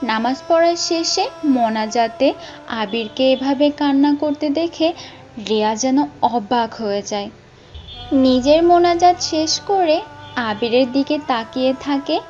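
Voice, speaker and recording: A woman's voice: high-pitched, unhurried, a little mellow, lo-fi sound. A woman narrator reading a scripted romantic story with music behind her.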